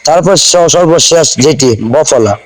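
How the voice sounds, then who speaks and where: A man giving a slow spelling lesson, repeating each word and asking if the viewer understood. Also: a little high. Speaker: teacher. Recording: long hall reverb.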